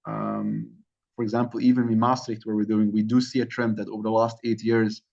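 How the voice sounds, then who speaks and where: A man's voice: lowish voice, little pitch movement, brisk, gravelly, darkish tone. A young man giving an academic lecture, speaking loosely with many fillers and restarts. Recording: slightly dull lo-fi recording.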